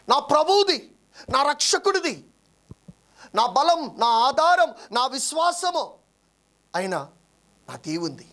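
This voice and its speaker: A man who is a pastor, preaching a sermon, swinging between raised calls and low, quiet lines.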